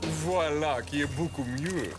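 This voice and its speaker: A man's voice: on the high side, slow pace, music in the background. A man voicing a scheming, vain villainous pet fish in a cartoon, pompous, bossy and gloating with melodramatic flourishes. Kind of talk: animated cartoon acting.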